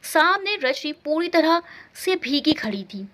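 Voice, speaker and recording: A young woman narrating a story in the first person, expressive and indignant. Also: sits high, slow.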